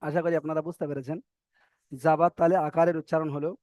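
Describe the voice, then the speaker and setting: A man teaching a recorded online reading class, drilling letters slowly one by one and explaining in quick bursts. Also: a little high, flat delivery, darkish tone, no echo, studio quality.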